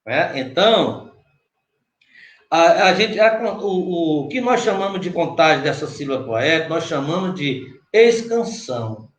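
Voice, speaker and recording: A man's voice: fairly high pitch, expressive, unhurried. A Brazilian man, a cordel poet, teaching an online workshop patiently and step by step, often checking in with his guest. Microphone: video call. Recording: roomy echo.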